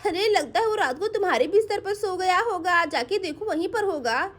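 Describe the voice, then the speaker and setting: Casting: woman playing a drowsy, easygoing sister-in-law, high voice, doll play story. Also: lively intonation, moderate pace. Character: sister-in-law, sleepy and apologetic.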